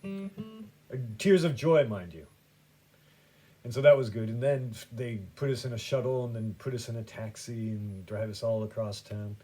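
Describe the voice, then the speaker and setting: Rambling man with a dark, low voice. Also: flat delivery, brisk, few pauses, faint music behind. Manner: rambling, many fillers and restarts; easily amused, swings between quiet and loud. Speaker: podcast host. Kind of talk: casual storytelling.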